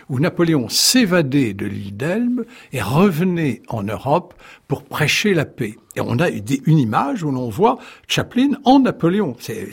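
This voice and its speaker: A man speaking as a historian guest in a radio studio interview, telling his story in an animated way with wry asides and frequent restarts. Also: a little high, gravelly, breathy edge. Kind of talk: radio interview, explaining at length.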